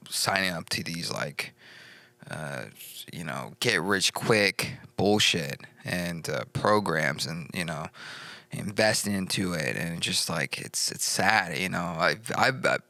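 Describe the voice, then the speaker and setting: Man, podcast host, casual chat, gravelly voice, bright forceful tone, goofy and profane, laughs a lot. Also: deep voice, no room sound. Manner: loose, goofy and profane, with frequent laughs and fillers.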